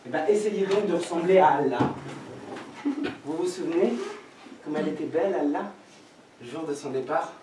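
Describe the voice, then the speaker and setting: Young guy playing a bratty idealistic teen son in a stage play, real high voice, super echoey and far from the mic. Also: expressive, normal speed, slight background noise. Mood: wistful. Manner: mocking and passionate, bursts into shouts. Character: defiant idealistic teenage son, scornful. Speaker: actor. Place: theater stage. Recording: echoey hall, miked from far off.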